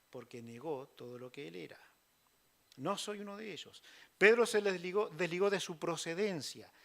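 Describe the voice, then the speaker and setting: A man preaches in a church, his voice sitting a little high for a man. He throws himself into quoted lines with sudden loud bursts, then sinks to soft, almost whispered asides. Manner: swings from loud acted quotes to hushed near-whispers. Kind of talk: sermon.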